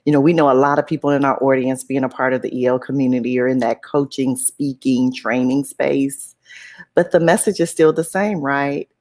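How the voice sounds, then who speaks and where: Female co-host, deep low voice, enthusiastic, quick to laugh. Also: fairly even intonation, a little mellow. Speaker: show co-host. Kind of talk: casual podcast chat.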